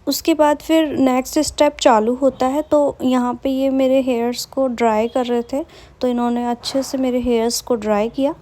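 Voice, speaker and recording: Chatty young woman with a mellow voice. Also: high voice, level tone, moderate pace. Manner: chatty, enthusiastic, repeats "matlab" and "bahut hi". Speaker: vlogger. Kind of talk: casual vlog voice-over.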